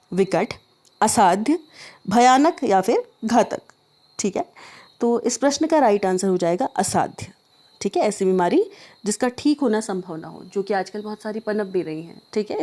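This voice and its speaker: A woman teacher walking through exam questions step by step, often pausing to check in with her students. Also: on the high side, a little mellow. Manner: explains step by step, keeps checking in. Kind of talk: exam prep lesson.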